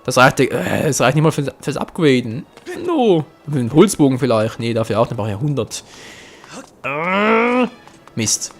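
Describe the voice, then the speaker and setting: A young man hosting a let's play, commenting on the game excitably, swearing and talking to his viewers. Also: mid-range voice, moderate pace, faint music behind.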